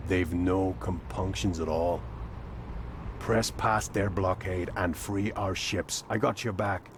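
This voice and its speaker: A man's voice: sits low, steady tone, slow, background noise. An actor playing a bold, loyal male ship captain with a Scottish accent, barking blunt orders. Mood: determined. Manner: blunt, clipped radio orders.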